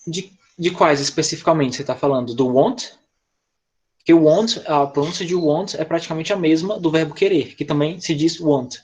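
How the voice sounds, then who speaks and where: A man's voice: a little high, normal speed, darkish tone. A male English teacher with a Brazilian Portuguese accent, explaining grammar step by step in an online class over a video call. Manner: patient, explains step by step with frequent "tá?" and "né?".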